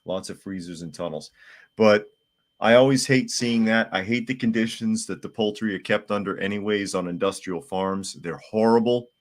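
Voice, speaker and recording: An American man hosts a live podcast at normal speed, his low voice slightly hoarse because his throat is still sore from a recent illness. In a casual, plain live-stream chat, he reads viewer comments aloud and answers them.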